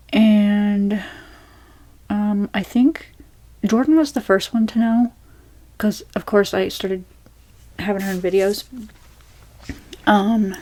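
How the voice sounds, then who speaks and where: A young woman speaks softly in a relaxed, rambling way, answering viewer questions as an ASMR creator. Her voice sits in an ordinary middle pitch, and she drifts along with fillers and restarts. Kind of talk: soft-spoken rambling Q&A.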